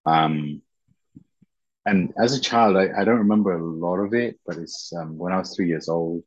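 Deep husky man telling his story haltingly. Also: dry recording, dull audio. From Uganda. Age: middle-aged. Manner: halting, many ums and restarts. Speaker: guest. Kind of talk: reflective personal storytelling.

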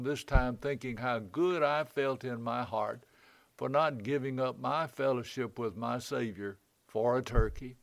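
Calm male pastor telling a story. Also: mid-range voice. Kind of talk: short devotional sermon with a personal story.

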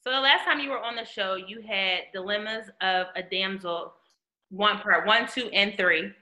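A woman's voice: mid-range voice, moderate pace, bright, forceful tone. A woman co-hosting a talk show in a casual, conversational style. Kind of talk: casual chat.

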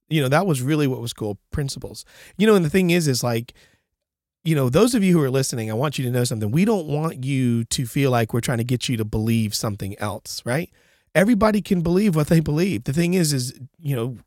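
A podcast host chats casually and emphatically on a co-hosted show, often repeating himself to drive a point home. His congested, nasal voice sits at medium pitch, a little mellow, and he talks fast and animatedly. The recording is studio quality with no echo.

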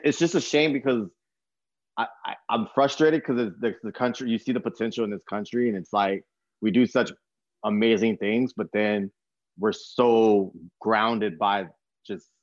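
A young man from Texas in the USA rambles through casual, slangy podcast chatter as the host. His voice sits on the low side, and the dry recording has a slightly muffled sound.

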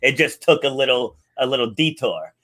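A man's voice: mid-range voice, lively intonation, moderate pace, a bit bright. A middle-aged man hosting a podcast, chatting casually and laughing a lot. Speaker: podcast host. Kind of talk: casual interview chat.

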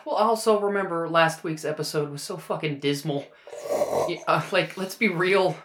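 A man co-hosting a podcast in casual, animated chat, swearing freely and laughing. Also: fairly high pitch, moderate pace, echoey room. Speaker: podcast co-host.

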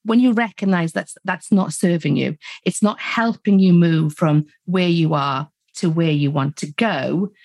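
Steady, self-assured woman guest. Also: lowish voice, a little slow, hardly any pauses, no room sound. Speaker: podcast guest, money coach. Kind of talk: conversational interview.

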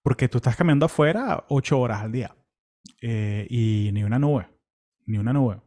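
A young man from Venezuela with a Venezuelan Spanish accent, casually recounting a long walking pilgrimage in a relaxed, chatty way full of fillers and restarts. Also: medium pitch, moderate pace. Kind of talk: casual travel storytelling.

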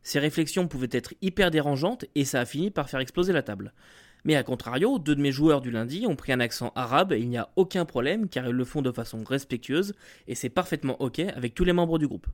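A man's voice: medium pitch, a little fast. A man talking casually to camera about running tabletop role-playing games, with the odd filler. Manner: conversational, lively, with occasional fillers. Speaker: tabletop game master giving advice. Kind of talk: explanatory video talk.

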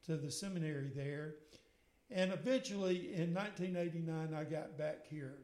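A man's voice: fairly high pitch, normal speed, darkish tone, reverberant. An older man from Mississippi, a radio guest telling a long personal story in a meandering way, linking it with "and so anyway". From Mississippi, USA. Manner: meandering, strings clauses with "and so anyway".

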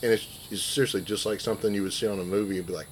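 A man's voice: fairly low pitch, steady tone, rapid-fire, a little hiss or hum. A man hosting a casual interview, chiming in with short affirmations and reactions. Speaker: podcast host.

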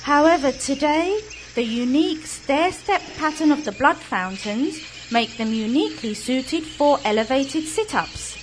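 An actress playing a naive, airy young expedition assistant in a radio comedy. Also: female voice, high voice, lively intonation, measured pace, noisy background. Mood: chatty.

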